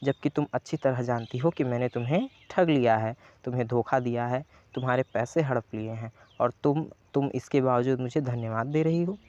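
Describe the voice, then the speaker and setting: A male teacher voicing a cheating household master who shouts until his voice shakes with anger. The recording is slightly dull. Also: medium pitch, a little fast, few pauses, lightly acted. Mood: furious. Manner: shouting, voice shaking with rage.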